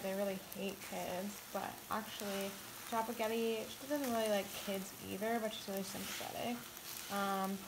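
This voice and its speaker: A young woman chatting playfully as she cooks, rambling into silly asides about her food. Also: medium pitch. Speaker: cooking vlogger. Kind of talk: casual cooking chat. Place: home kitchen. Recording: noisy kitchen with sizzling pan.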